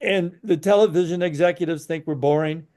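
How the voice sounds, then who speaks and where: A man co-hosts a podcast, offering frank opinions in casual chat while sounding hesitant and leaning on lots of "you know" fillers. His voice is fairly high-pitched and warm, and he talks a little fast.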